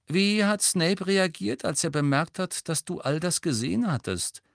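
A man reading an audiobook, voicing a calm, firm grown teacher who speaks slowly and turns stern. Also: sits high, creaky, dry recording, studio quality, pitched above the performer's own voice. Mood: measured. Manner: slow and measured, turning stern.

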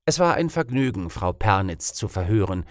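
A man reading a story aloud in an expressive narrating manner. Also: fairly low pitch, normal speed, no room sound, clean studio sound. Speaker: audiobook narrator. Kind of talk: scripted narration.

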